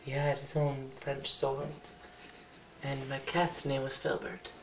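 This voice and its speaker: A man's voice: medium pitch, flat delivery, slow pace, echoey room, noisy background, close to an everyday voice. A man playing a shaky, disturbed patient in a comedy sketch, with a quavering, giggly voice that drops to whispers and rises to wails. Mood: hushed. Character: shaky disturbed man confessing odd flaws. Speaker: therapy patient.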